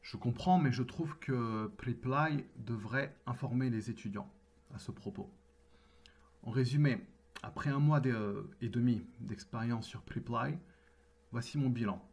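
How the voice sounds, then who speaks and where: Male French tutor, husky mid-pitched voice, formal, measured delivery. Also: darkish tone. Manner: formal, measured, deliberate with pauses. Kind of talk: scripted personal address to camera.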